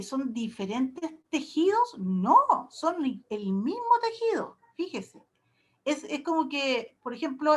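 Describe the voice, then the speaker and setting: High-voiced chatty woman lecturing. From Chile. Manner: chatty, explains with homely comparisons and diminutives. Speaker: university professor. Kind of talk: online workshop lecture.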